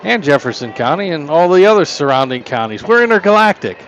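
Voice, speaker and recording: A man calling live high school basketball as a play-by-play broadcaster. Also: big pitch swings, quick pace, fairly bright tone, lo-fi sound. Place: indoor high school gym. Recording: clear background noise from gym.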